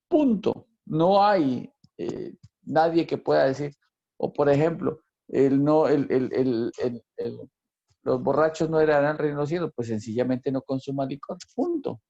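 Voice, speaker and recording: A man's voice: mid-range voice, gravelly, warm tone, lo-fi sound. A man tutoring a Bible class, who repeats phrases for emphasis and quizzes his students. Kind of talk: teaching a Bible lesson to a class.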